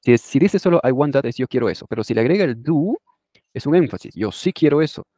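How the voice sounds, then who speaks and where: A man's voice: mid-range voice, expressive, quick pace, dark tone, no room sound, clean studio sound. A man teaching an English class who explains in a conversational way and often checks in with his listeners. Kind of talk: explaining a lesson.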